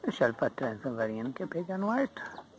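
A Brazilian man fishing outdoors, chatting excitedly and chanting calls to the fish. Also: medium pitch, fast talker, slight background noise. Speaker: fishing vlogger. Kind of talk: casual running commentary while fishing. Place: outdoors at a pond.

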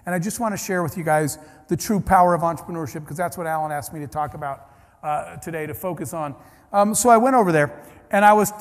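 A man giving a conference keynote, telling stories in a conversational, anecdotal way with restarts and asides. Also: high voice. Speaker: keynote speaker. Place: large conference hall. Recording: long hall reverb.

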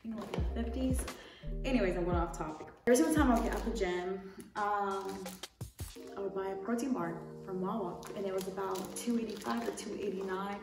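A young woman, a lifestyle YouTuber, chats casually to camera in an indoor room, rambling a little as she goes through a product haul. Her voice is mid-range and brisk. The sound is roomy and echoey, the mic distant, with music playing behind her.

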